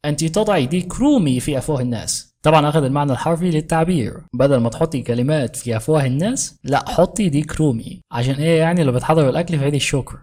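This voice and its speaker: A woman with an Egyptian Arabic accent teaching English from a sitcom clip. She explains quickly in Arabic, then slows right down for each English example. Her voice is soft and breathy. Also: low-pitched. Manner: brisk explaining, slow careful English.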